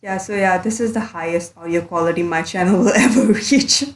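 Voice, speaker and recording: A woman YouTuber records a blunt, earnest, slightly sweary commentary monologue while under a blanket. Her voice is lowish and a little fast, and the room sounds echoey.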